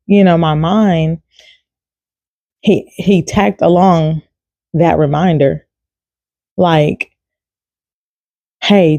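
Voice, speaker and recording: A woman's voice: fairly low pitch, mellow, no room sound, lo-fi sound. A woman giving a casual devotional talk to camera, chatty and informal, with many fillers and easy laughs.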